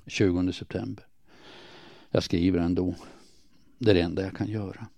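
A man reading a first-person diary aloud in a quiet, measured, somber way. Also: low voice, little pitch movement, vocal fry, no room sound. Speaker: audiobook narrator.

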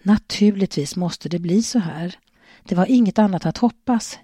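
A woman's voice: medium pitch, mellow, breathy edge, no room sound, clean studio sound, natural voice. A woman voicing a reserved, emotionally closed husband in a plain, subdued way.

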